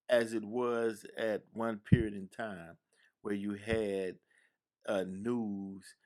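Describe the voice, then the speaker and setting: A man hosting a radio interview, speaking haltingly with repeated words and restarts. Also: lowish voice. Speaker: radio show host. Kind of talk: conversational interview.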